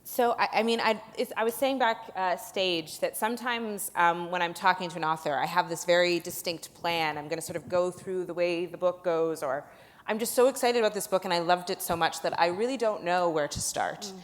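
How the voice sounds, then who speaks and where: A woman's voice: fairly low pitch, brisk. Enthusiastic woman in a reverberant hall. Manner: enthusiastic, warm, laughing asides. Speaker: interviewer. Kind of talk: hosting an author talk. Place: public library event hall.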